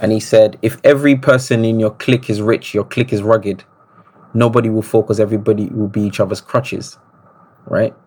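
A man, telling stories as a podcast guest in an animated, reflective way. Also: lowish voice, brisk. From Congo. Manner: reflective, animated storytelling with restarts. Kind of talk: casual interview conversation.

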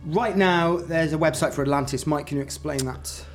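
A man's voice: fairly high pitch, normal speed, faint music behind. A Welsh man co-hosting a comedy podcast, talking in a mock-serious, self-important investigator tone. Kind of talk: mock-serious comic banter.

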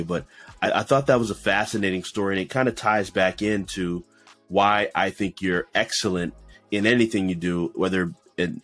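A man with a very deep voice hosts an interview and warmly encourages his guest. He affirms her often and stumbles over his words as he builds to a question. Faint music sits behind him. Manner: encouraging, with many affirming interjections and stammered restarts. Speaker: podcast host. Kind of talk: interview hosting.

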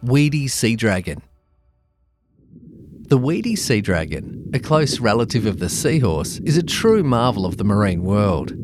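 A man narrating a scripted podcast in a nature documentary style, with a measured, informative delivery. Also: medium pitch, big pitch swings, darkish tone. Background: background music.

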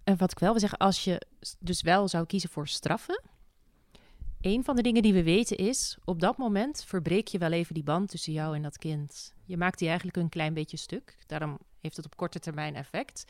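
A woman explains child behaviour on a panel, lively and illustrative. Her voice sits somewhat low, and the sound is dry and close. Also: moderate pace, no room sound. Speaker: childcare expert.

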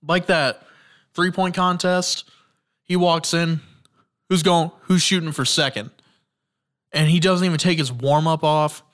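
On his casual solo sports podcast, a man with a somewhat high voice talks a little slowly, pausing often, with fairly even intonation and a slightly bright tone. He rambles through enthusiastic stories, frequently restarting sentences and leaning on fillers.

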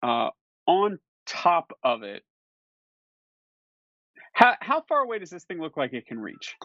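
A man's voice: on the high side, wildly swooping pitch, unhurried, fairly bright tone, no echo. A man playing a tabletop game, hesitant, with many fillers as he describes his moves. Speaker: player. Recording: dull lo-fi recording.

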